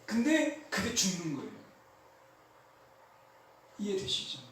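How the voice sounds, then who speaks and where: A man preaching a sermon as pastor, animated and repeating his key phrases. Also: high-pitched, slow pace. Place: church sanctuary. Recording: echoey church hall, mic from far off.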